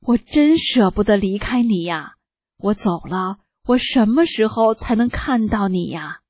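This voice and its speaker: A woman's voice: mid-range voice, animated, measured pace, darkish tone, slightly rough, dry recording, clean studio sound. A woman reading as a grateful, tearful poor old scrap-collecting woman. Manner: grateful, emotional pleading.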